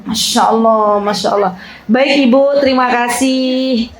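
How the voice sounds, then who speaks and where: A middle-aged woman with a lilt leads a religious class for women. Her voice sits high, and she keeps it lively, teasing and full of laughter as she questions the crowd. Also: a little slow, poor audio. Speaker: female religious teacher. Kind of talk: interactive religious talk with audience.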